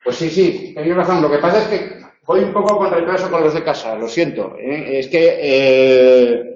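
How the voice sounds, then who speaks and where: This tutor from Spain has a slightly high voice with a darkish tone and a Spanish accent. He lectures his tutorial step by step, revising his wording and frequently checking in with short tag questions, recorded in a roomy, slightly dull classroom.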